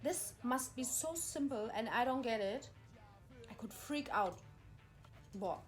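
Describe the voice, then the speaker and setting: Exasperated woman, lively pitch. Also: measured pace, soft background music. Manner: exasperated, ranting, repeating herself. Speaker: vlogger. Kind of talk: frustrated vlog monologue reading instructions aloud.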